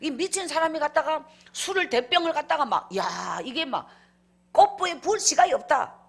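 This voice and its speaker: A woman's voice: high-pitched, expressive, normal speed, creaky. A woman evangelist tells her life story in a revival sermon, emphatic and acting out scenes as she goes. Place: church.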